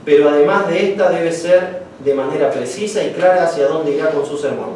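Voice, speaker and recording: Fairly high in pitch, quick, and somewhat dark in tone, a man's voice comes through with a little hiss or hum from across an echoey room. He's giving a laid-back homiletics lecture, cracking jokes and acting out short stories.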